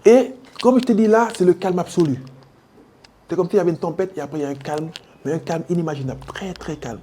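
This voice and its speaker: A man's voice: a little high, quick pace, dark tone, a little hiss or hum. A man from French Guiana with a French Guianese accent, telling his own story in an interview, slangy and vivid, making sound effects and calling the listener brother. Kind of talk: animated personal storytelling.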